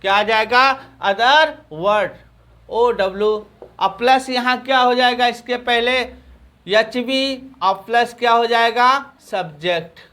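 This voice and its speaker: A man with a Hindi accent teaching an English grammar lesson, repeating phrases slowly and answering his own questions. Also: very high-pitched, fairly even intonation, bright, forceful tone.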